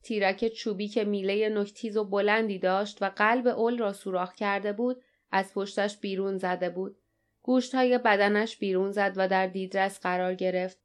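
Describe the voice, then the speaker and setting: A woman narrates a children's adventure audiobook at a measured pace. Her voice sits at an average pitch and sounds smooth and clear. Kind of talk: scripted storybook narration.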